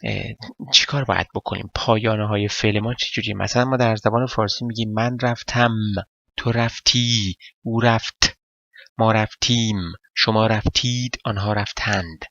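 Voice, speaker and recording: A man with a gravelly, bright and forceful voice teaches a language lesson in a casual way, with Persian as his first language. He explains each step, quizzes his viewers and thinks aloud as he writes. The recording is dry and a little dull. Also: on the low side, level tone, no room sound.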